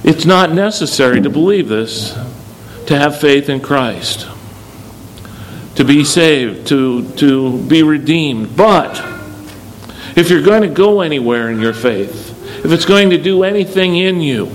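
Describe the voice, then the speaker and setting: Emphatic male pastor, slightly high voice. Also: animated, measured pace, rough recording. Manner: emphatic, repeating key words for stress. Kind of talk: sermon.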